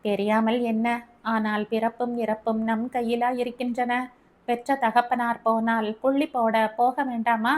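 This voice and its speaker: Woman reading gentle patient young wife, soft calm pleading voice, audiobook story, fairly high pitch. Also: unhurried, lightly acted.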